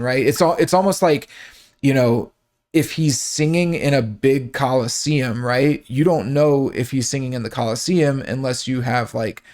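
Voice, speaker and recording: A man's voice: medium pitch, a little mellow. A man hosting a song breakdown, casually explaining the mix, thinking aloud with fillers and restarts, and humming sounds to show them. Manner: hums sounds to illustrate. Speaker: music breakdown host.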